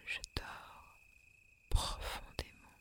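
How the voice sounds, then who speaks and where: A woman leading a guided sleep meditation in a soft, soothing, breathy whisper with long hypnotic pauses.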